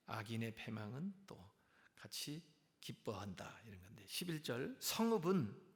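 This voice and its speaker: Gravelly-voiced male pastor preaching in a hall. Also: medium pitch. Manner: explains verse by verse, calm teaching tone. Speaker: senior pastor. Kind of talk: sermon. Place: church sanctuary. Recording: long reverb of a church hall.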